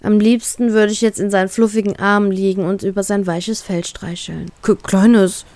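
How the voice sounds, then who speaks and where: A woman's voice: medium pitch, little pitch movement, fairly quick, darkish tone, no echo. A woman reading a fan fiction story aloud in the first person, acting out the heroine's lines expressively.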